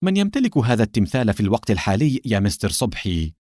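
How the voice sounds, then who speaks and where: A man narrating an audiobook voices a smooth, smug male collector who speaks with cold politeness. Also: fairly low pitch, big pitch swings, rapid-fire, darkish tone, dry recording, studio quality. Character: smug, sly older male collector and official.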